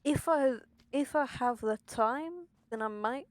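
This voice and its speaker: A woman's voice: high-pitched, a little slow, no room sound. A young British woman with a lisp that slushes her s sounds, chatting casually while streaming a game in a rambling, sweary, exclamatory way. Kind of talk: casual chat while gaming.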